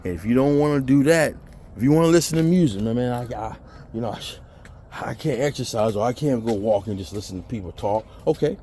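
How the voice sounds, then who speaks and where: A man's voice: mid-range voice, lively intonation, brisk, warm tone, slight background noise. Blunt preachy man giving tough-love advice. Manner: blunt, preachy, cursing, mimics lazy complainers. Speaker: motivational vlogger. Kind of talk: blunt motivational rant.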